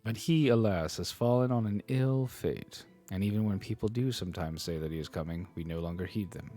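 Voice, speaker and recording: A man reading aloud as a troubled young prince who questions a stranger, in his own deep voice, with faint music behind. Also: brisk, mellow, natural voice. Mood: earnest. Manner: earnest, read-aloud delivery. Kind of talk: reading a classic epic aloud on stream.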